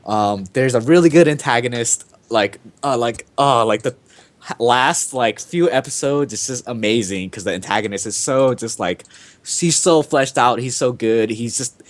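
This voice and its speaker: A man's voice: medium pitch, normal speed. A young man hosting a casual podcast, talking in a rambling, enthusiastic way full of fillers. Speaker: podcast host.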